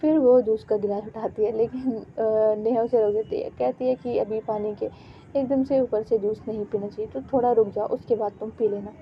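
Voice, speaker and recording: A woman's voice: a little high, fairly even intonation, normal speed, dull audio, a little hiss or hum. A woman narrating a romance story in a casual, conversational way, with fillers.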